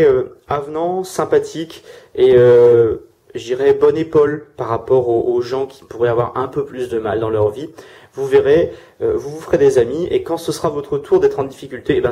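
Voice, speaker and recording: A man's voice: medium pitch, mellow. A man giving a casual weekly tarot reading, hesitant with many fillers and restarts, speaking through a sore throat. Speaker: tarot reader.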